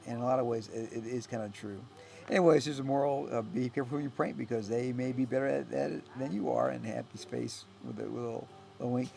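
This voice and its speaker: An American filmmaker and actor gives director's commentary on a film in a gravelly, creaky, mid-range voice that's a little mellow. He speaks casually and off the cuff, halting and rambling and often trailing off. The recording carries noticeable noise.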